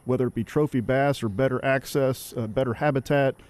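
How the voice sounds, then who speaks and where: Male radio guest; soft-edged mellow voice, articulate, upbeat, conversational. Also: mid-range voice, steady tone, fairly quick. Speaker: fisheries agency guest. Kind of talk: casual radio interview talk.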